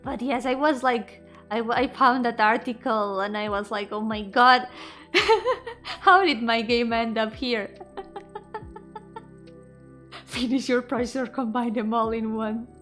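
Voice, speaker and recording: With soft music playing behind her, this woman speaks slowly with long pauses in a fairly high, slightly bright voice. She's a VTuber streamer and indie game developer on a solo indoor livestream, chatting casually, gushing and giggling, repeating words and letting sentences trail off.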